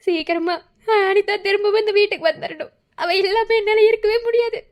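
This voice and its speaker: A woman voicing a weeping, shrill cartoon mother-in-law. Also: a little fast. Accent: Madurai Tamil. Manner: weeping, heartbroken. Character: grieving mother-in-law who misses her son's wife.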